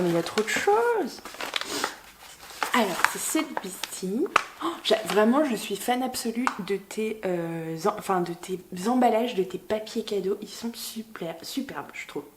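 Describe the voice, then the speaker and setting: Slow-talking, gushing young woman vlogger. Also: medium pitch. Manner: excitable, gushing, many fillers and exclamations. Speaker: book vlogger. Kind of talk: casual vlog, unboxing gifts. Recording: noisy home recording.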